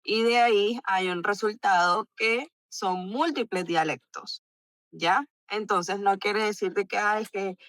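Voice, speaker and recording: A woman's voice: medium pitch, measured pace, a bit bright, no echo. A woman from Barranquilla with a Colombian coastal accent, explaining ideas from linguistics in a hesitant way full of fillers. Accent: Colombian coastal Spanish. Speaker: book club member with a linguistics background. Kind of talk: casual book club discussion.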